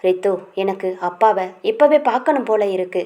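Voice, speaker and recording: A woman's voice: mid-range voice, animated, a little fast, warm tone, lightly acted. A heartbroken young woman from a storybook, tearful and pleading, as a woman narrator voices her. Her words come out choked and desperate.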